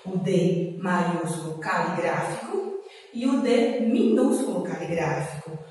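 A Brazilian woman teaching a phonics lesson to preschool children, drawing out syllables in a slow, sing-song way. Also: lowish voice, darkish tone. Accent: Brazilian Portuguese. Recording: echoey room heard from a distance.

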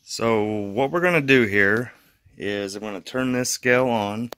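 A man's voice: fairly low pitch, unhurried, smooth, no echo. A man hosting his fishing channel, talking casually through a how-to with fillers and restarts, from a carpeted room indoors. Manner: relaxed, rambling, with fillers and restarts.

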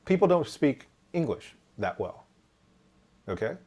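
Calling in from a room in his home with a headset, this Taiwanese man in his forties shares stories as a guest in a casual podcast interview. He's animated, gesturing while he speaks and frequently starting sentences over. His mid-range voice has a breathy edge and a measured pace.

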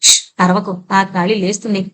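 A woman voicing a kindly old grandfather who speaks softly and soothingly to a small girl. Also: mid-range voice, little pitch movement, moderate pace, a little hiss or hum, close to an everyday voice. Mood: gentle. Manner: soft, soothing, hushed.

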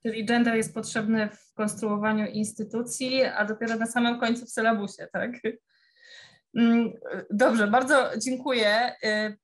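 A woman moderator with a slightly high voice guides a panel discussion. She speaks politely, relaying questions and inviting speakers to answer. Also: flat delivery, unhurried.

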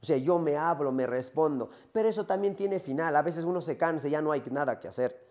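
A man's voice: on the high side, a little fast, a little mellow, lightly acted. A man acting out a lonely male Minotaur who longs for death, speaking in a rambling first-person monologue full of rhetorical questions.

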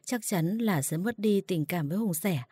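A woman narrating a sad story at a slow, mournful pace for a late-night storytelling show. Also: on the low side, expressive, dark tone, slightly rough, no room sound, studio quality.

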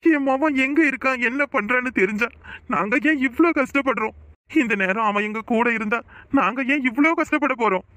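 A poor village cowherd, desperate and wailing, as a man voices him. The voice sits very high with a bright edge, recorded dry and close for a cartoon. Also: a little fast, no echo. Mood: lamenting. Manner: pleading, wailing. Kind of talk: cartoon voice acting.

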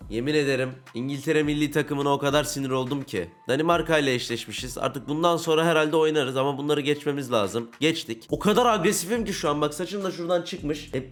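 A young man giving casual commentary on a football video game, getting frustrated, ranting and shouting at big plays. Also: on the high side. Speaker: gaming YouTuber.

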